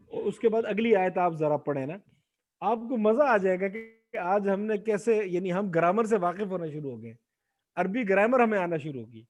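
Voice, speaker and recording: A man with a high voice teaches Arabic grammar over a video call. He explains a point, then puts a question to the class. He keeps asking his students to answer aloud. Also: a little mellow. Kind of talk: online Quran Arabic grammar lesson.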